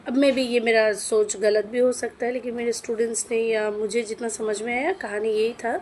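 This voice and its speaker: A woman's voice: a little high, flat delivery, normal speed, a little mellow, slight background noise. A woman in her thirties, an English teacher, telling a personal story in a chatty way and slipping English words into her speech. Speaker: English teacher running her own coaching classes.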